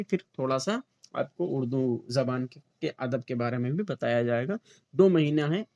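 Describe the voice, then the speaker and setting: A man teaching an online grammar lesson for a teacher exam, asking questions and answering them himself, repeating example words slowly, with an Urdu-inflected accent. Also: mid-range voice, darkish tone, no room sound, studio quality. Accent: Urdu-inflected Hindustani.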